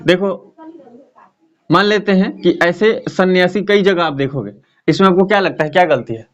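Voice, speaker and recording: High-voiced man teaching grammar. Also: moderate pace, a bit bright, dull audio. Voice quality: talks in a chatty explaining way with frequent check-ins. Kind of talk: classroom lesson at a board.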